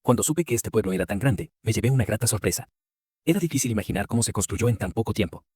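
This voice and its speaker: A man giving a scripted first-person story narration with a brisk, even storytelling read. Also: fairly low pitch, breathy edge, no room sound, studio quality.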